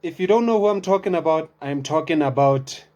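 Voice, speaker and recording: A young adult man, giving casual, expressive video commentary full of rhetorical questions and restarts. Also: a little high, fairly quick, dull audio. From South Africa. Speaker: vlogger reacting to online content.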